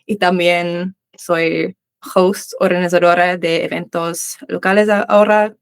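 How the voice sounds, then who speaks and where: A young Australian woman answers interview questions in learner Spanish, restarting often and using lots of fillers. Her voice is lowish, level and a little slow, with vocal fry and a clean tone, no room sound. A native English speaker and English teacher, she's the guest in a casual chat, using Uruguayan voseo.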